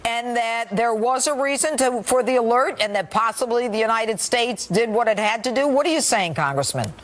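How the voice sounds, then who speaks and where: A woman's voice: a little high, animated, normal speed. A middle-aged woman hosting a TV news show, delivering an emphatic, combative opinion monologue and questioning a guest. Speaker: TV host.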